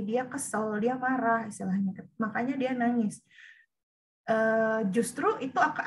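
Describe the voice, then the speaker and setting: A woman with a fairly high voice leads a parenting lesson over a video call. She explains step by step and keeps checking in with her audience. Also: rough recording. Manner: explanatory, often checking in with the listeners. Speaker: parenting speaker.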